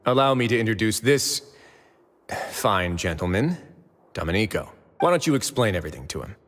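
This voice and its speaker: A man voicing a suave, courteous, quietly menacing authority figure in a video game. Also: fairly low pitch, very animated, brisk. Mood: wry, courteous. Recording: long hall reverb.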